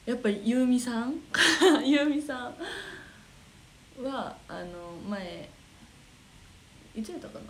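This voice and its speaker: A woman's voice: fairly high pitch, animated, slow, pauses often, darkish tone, a little hiss or hum, low-quality recording. A young woman with a Kansai accent chatting casually on a livestream, reading viewer comments aloud, giggling often and muttering to herself while she searches for the next one. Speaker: idol livestream host.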